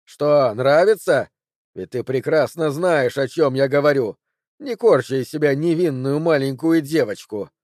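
A man voicing a hoarse, raging brute. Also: medium pitch, animated, moderate pace, a little mellow, no room sound, clean studio sound, lightly acted. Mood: menacing. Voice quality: rough, hoarse. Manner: snarling, spitting rage. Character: enraged violent man, turning menacing.

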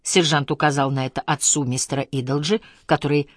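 A woman narrating an audiobook in a measured, expressive reading. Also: low voice, no room sound, clean studio sound. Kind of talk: scripted narration.

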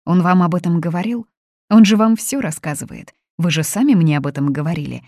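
A cold, fearless young woman, voiced by a woman narrator in a story reading. The voice sits low and slightly gravelly, hard and cutting. It is recorded dry and close. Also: a little fast, a little mellow, dry recording, natural voice. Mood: cold, firm. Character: blunt, fearless young woman confronting a family.

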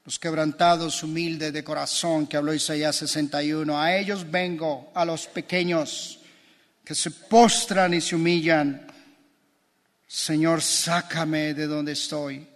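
Impassioned pastor in echoing church. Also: male voice, a little high, fairly bright tone. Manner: impassioned preaching with repeated phrases. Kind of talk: sermon. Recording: long church reverb.

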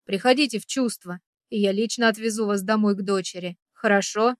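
A woman's voice: mid-range voice, a little fast, no room sound, studio quality, close to an everyday voice. A woman voicing a stern male security chief who speaks formally and reassuringly in an audiobook. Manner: strict formal address, reassuring.

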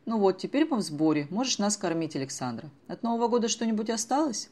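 A woman voicing a cheerful, reckless grown woman who teases and exclaims loudly in an audiobook. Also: medium pitch, big pitch swings, fast. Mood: teasing. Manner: loud, exclamatory and teasing. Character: merry, reckless grown woman, mother's friend.

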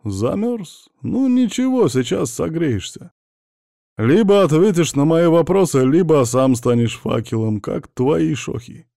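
A man's voice: a little high, very animated, a little slow, creaky, warm tone, no echo, clean studio sound, pitched above the performer's own voice, exaggerated voice. A man voicing a menacing older male gang boss who taunts his captive mockingly.

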